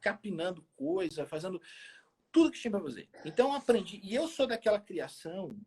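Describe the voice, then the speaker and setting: A health expert guest on a remote social media live video call, this forty-year-old from small-town Minas Gerais has a rural Brazilian accent. His voice sits high and is darkish and slightly rough. He's very animated and fairly quick, casually sharing stories from his own life and repeating phrases for emphasis.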